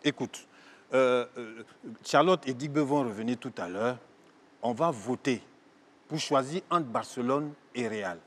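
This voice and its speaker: A man in a comedy sketch, arguing in a mock-calm and indignant way. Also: mid-range voice, measured pace. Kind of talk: comic sketch argument.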